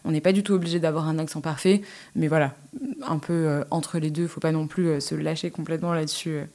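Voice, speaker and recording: A woman on a podcast interview, talking through exam tips in a hesitant way, with many pauses and fillers. Her voice sits somewhat low for a woman. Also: steady tone, warm tone. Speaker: guest, English specialist.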